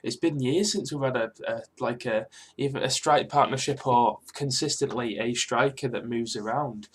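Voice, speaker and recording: A young British man with a sore throat talking quietly but clearly in a casual, rambling, sweary football reaction vlog. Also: medium pitch, moderate pace. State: mildly ill with a sore throat. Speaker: football fan video host.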